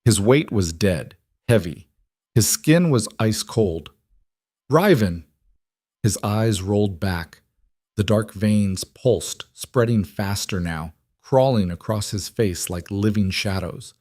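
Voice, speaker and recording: A man reading a dark fantasy romance with measured, dramatic storytelling. His voice sits low, and the recording is dry and close with no room sound. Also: no room sound. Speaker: narrator. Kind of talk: scripted audiobook narration.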